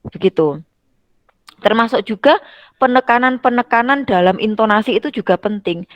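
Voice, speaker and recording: A middle-aged university lecturer talks conversationally about teaching skills, acting out classroom examples with shifting intonation. Her voice is a little high and animated, her pace moderate, and there's no echo.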